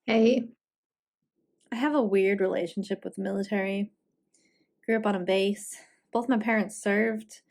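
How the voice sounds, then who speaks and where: A woman playing a wary, frustrated seventeen-year-old non-binary teen who talks hesitantly with quick fillers, in an indie audio drama. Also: mid-range voice, steady tone, a little mellow, natural voice. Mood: awkward.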